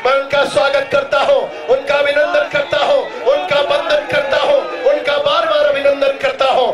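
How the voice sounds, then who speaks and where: A man announces at a political rally, exhorting in repeated phrases at a very high, unvarying pitch. He sounds distant and echoing over a noisy crowd. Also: little pitch movement, moderate pace, over loud music. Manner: repetitive, exhorting, reverential. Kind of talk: shouted political rally introduction.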